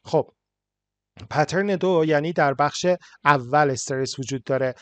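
In a dry recording without room sound, this Iranian English teacher speaks in a fairly high, slightly bright voice. Persian is his first language, and he alternates between explaining in Persian and reading English slowly.

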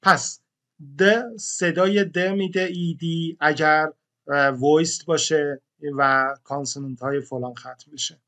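A man explains a grammar rule to his class with his voice sitting a touch higher than most men's. He walks through it step by step and sounds out each letter separately. He calls his learners friends as he talks them through the pattern. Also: steady tone. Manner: addresses learners warmly as friends. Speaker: English teacher. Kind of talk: classroom-style grammar lesson.

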